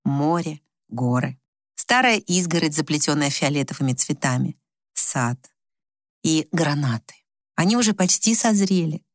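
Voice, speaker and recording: A woman narrating an audiobook story in a measured, expressive reading. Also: sits low, no room sound, clean studio sound.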